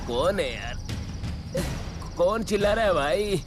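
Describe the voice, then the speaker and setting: An actor playing a drunk village man who shouts and pleads in panic at night. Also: sits high, animated, slow. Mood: terrified. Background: music.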